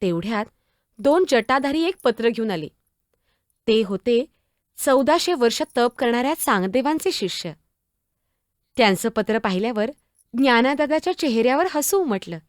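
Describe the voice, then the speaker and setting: A woman performing a one-woman stage drama, playing a spirited young girl saint who is devoted to her brothers, blunt and sharp-tongued, pleading and expressive as she speaks to people who are not there. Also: fairly high pitch, moderate pace, long pauses, dry recording, studio quality, natural voice. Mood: storytelling.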